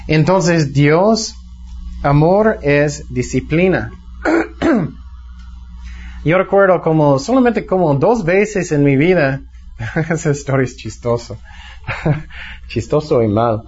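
Preacher man, fairly high voice, lo-fi. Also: expressive, slow pace, pauses often, darkish tone, soft background music. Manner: teaching in plain words, asks the congregation questions. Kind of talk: conversational sermon. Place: church service. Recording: dull lo-fi sound.

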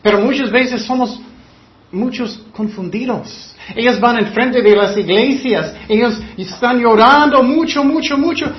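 High-voiced man preaching in an echoey room. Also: unhurried. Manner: preaching with mocking quoted voices. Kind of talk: sermon. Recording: echoey room, dull lo-fi sound.

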